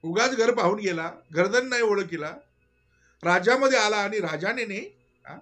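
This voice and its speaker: A man giving a devotional discourse, full of rhetorical questions and swinging between soft murmurs and loud exclamations. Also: high voice, expressive, moderate pace. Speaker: spiritual teacher.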